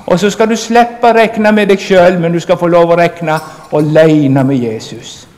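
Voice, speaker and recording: A man delivers an earnest, emphatic sermon and speaks straight to his listeners. His voice sits a little high for a man. It carries a long hall reverb. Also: a little mellow. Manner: earnest, emphatic preaching, addressing the congregation directly. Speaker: preacher.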